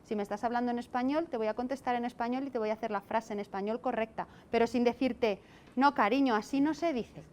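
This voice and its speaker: Teacher lady, slightly high voice, lively stories, faint rumble behind. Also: fast talker, few pauses. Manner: lively storytelling, acts out children's voices. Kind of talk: casual panel chat.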